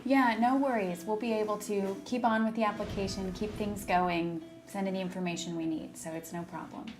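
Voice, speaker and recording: A woman speaking as a benefits case worker in a scripted training role-play, calm and reassuring as she explains. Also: medium pitch, fairly quick. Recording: music bed under speech.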